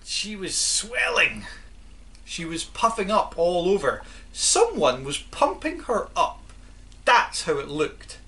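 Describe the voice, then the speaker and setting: A woman narrating a children's storybook with an expressive, dramatic reading. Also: fairly low pitch, slow. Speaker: audiobook narrator.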